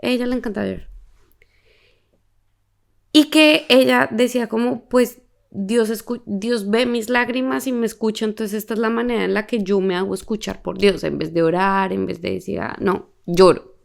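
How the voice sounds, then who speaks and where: A woman in a casual podcast chat, telling stories with animated, laughing energy and acting out the people she quotes. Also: on the high side, moderate pace, gravelly.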